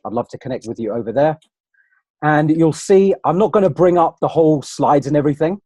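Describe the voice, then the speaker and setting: A man's voice: a little high, animated, brisk, mellow, no room sound. A man hosting an online webinar in a casual, conversational way, talking straight to viewers over a computer microphone. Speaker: webinar host.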